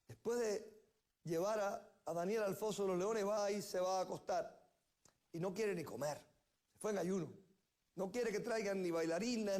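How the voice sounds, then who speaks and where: A man's voice: high voice, a little mellow. A male pastor preaching a sermon, telling the story with repeated key phrases. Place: church.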